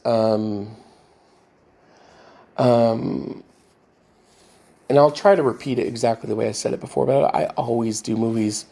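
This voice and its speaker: A man talking in a rambling casual monologue, halting often with fillers and restarts as he tries to recall what he said before. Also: medium pitch, vocal fry, dark tone. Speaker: vlogger retelling a movie rewrite.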